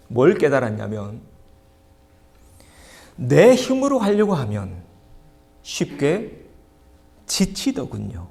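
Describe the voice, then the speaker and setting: A male pastor preaching a sermon, reading scripture aloud slowly and leading the congregation in call and response. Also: a little high, creaky, a little mellow.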